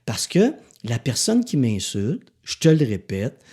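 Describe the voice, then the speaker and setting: A man's voice: mid-range voice, huge pitch swings, a little slow, dark tone, husky. A man with a Québécois accent hosting a podcast, speaking bluntly and sarcastically to the listener, with profanity. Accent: Québécois French. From Quebec. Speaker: podcast host. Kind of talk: motivational podcast monologue.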